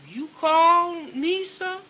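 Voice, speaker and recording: An actress playing a grumbling, sassy housekeeper in an early 1930s film. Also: female voice, very high voice, slow pace, sharp tone, muffled recording, a little hiss or hum, exaggerated voice. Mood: flustered. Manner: drawling, muttering, talks back.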